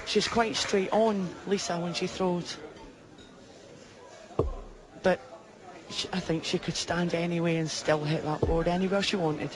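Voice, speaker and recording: Low-voiced woman co-commentating on darts. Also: steady tone, a little slow, pauses often, rough recording. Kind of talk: live sports commentary. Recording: busy crowd behind commentary. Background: darts crowd.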